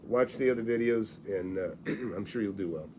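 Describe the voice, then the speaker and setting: Over audible background noise, a plainspoken, low-pitched man in his sixties who hosts a channel gives live real estate advice at a normal speed. Blunt and folksy, he pushes his mentorship in a salesy way and frequently restarts his sentences.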